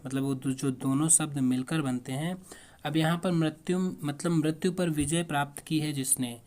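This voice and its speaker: A teacher talks through past exam questions one by one, at a middle pitch. The delivery is a plain lecture: a question posed aloud, then its answer. Fillers and quick self-corrections run throughout. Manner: explains step by step, asks questions then answers them.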